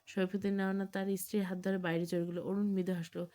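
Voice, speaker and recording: A woman narrates a romantic audiobook story. Her middle-pitched voice reads in a steady, even way. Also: fast talker.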